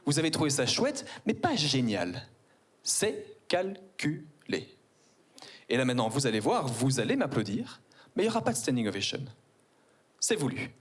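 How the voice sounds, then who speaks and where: A man's voice: medium pitch, huge pitch swings, fairly quick, husky. A man in his forties with a Belgian French accent, performing a stand-up comedy set on stage, ironic and mock-posh. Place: theater stage before a live audience.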